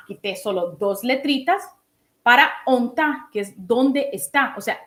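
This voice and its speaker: A woman in her thirties giving a casual online English lesson in a lively, chatty way, often asking her listeners questions. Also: a little high. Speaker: English teacher.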